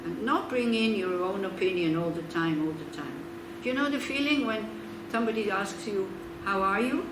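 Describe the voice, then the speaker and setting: This Swiss Buddhist nun talks at a moderate pace in a medium-pitched voice, hardly pausing. Her informal teaching talk is chatty, with laughing asides and rhetorical questions. Background noise and a roomy, distant mic shape the recording.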